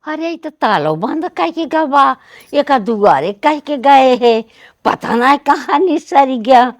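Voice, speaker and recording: A woman's voice: sits high, animated, slow, dry recording. A woman playing an annoyed village woman in a comedy sketch, muttering complaints with an Awadhi accent. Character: annoyed village woman waiting at a locked door.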